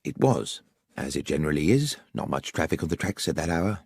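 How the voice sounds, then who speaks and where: Audiobook station master, acted by a man: deep, respectful, orderly, plain-spoken, dry close sound. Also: very animated, brisk, breathy edge, no echo, exaggerated voice. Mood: matter-of-fact. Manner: plain, dutiful, sure of himself. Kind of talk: audiobook character voice.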